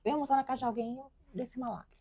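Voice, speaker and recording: A woman's voice: high voice, fairly even intonation, rapid-fire, mellow, breathy edge, no echo. A woman from Minas Gerais, Brazil, telling her own life story as an interview guest, heartfelt and re-enacting what she once said. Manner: heartfelt, reenacts her own past words. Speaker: guest entrepreneur and mother. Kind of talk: emotional personal testimony.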